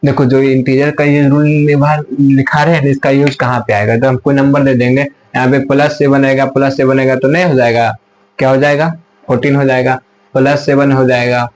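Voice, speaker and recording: A male teacher explains rules step by step at a whiteboard. He keeps repeating himself, asks the class questions, and answers them himself. His voice sits at an ordinary middle pitch and now and then drifts farther off as he turns to the board. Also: flat delivery, normal speed, a little mellow, a little hiss or hum, low-quality recording.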